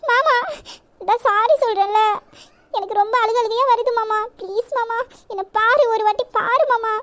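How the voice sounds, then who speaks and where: A woman's voice: very high-pitched, steady tone, moderate pace, fairly bright tone, a little hiss or hum. A woman voicing a young college girl in love in a romantic audio drama, pleading and coaxing her sweetheart. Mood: pleading, tearful.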